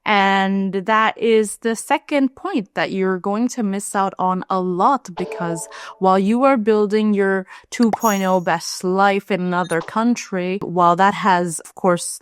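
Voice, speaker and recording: A woman's voice: clean tone, no room sound, studio quality. A young woman from India, a vlogger talking candidly and chattily to camera. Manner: chatty and candid, lively rises in pitch. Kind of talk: casual talk to camera.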